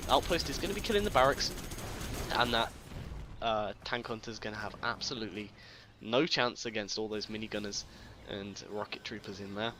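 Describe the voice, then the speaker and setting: A man's voice: medium pitch, bright, forceful tone, a little hiss or hum. A man casting a strategy game in a casual, chatty way, joking at his own expense and often tripping over his words. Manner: chatty, self-deprecating, stumbles over words. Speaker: game caster. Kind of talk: casual real-time strategy game commentary.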